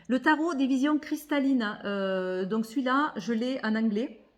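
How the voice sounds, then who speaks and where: A woman's voice: fairly high pitch, measured pace, muffled recording. A woman vlogger chatting casually about tarot decks, thinking aloud and often repeating words as she hesitates. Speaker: tarot and oracle card vlogger. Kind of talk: casual haul chat.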